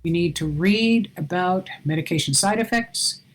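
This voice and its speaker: A woman's voice: on the low side, normal speed, poor audio. An older woman giving an online conference talk, earnest and advising, with self-deprecating asides, heard over a video call. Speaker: conference presenter.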